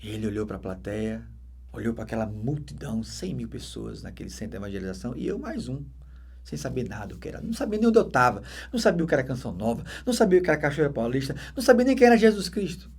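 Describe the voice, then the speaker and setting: A man with a Brazilian Portuguese accent, a deacon giving a dramatic conversion testimony that swings between loud emphatic bursts and hushed soft passages. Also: medium pitch, big pitch swings, fast talker, vocal fry, husky.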